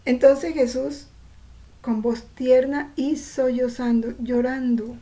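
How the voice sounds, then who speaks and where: A woman reading from a devotional text and explaining it, pausing to ask her listeners rhetorical questions. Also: high voice, steady tone, mellow. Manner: slow, reflective, poses rhetorical questions to listeners.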